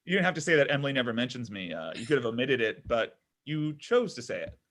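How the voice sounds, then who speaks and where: At a table read for a comedy pilot, a male actor plays a needy, pushy man in his thirties on a date who is whiny, defensive and over-explains. His mid-range voice swings widely in pitch, moves fast and sounds a bit bright. The mood is awkward and defensive.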